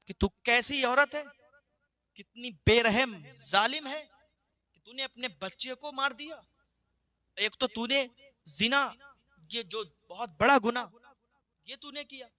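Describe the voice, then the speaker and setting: Man playing a stern angry prophet, raised thundering rebuke, high, forceful. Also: expressive, pauses often, heavily acted. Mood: wrathful.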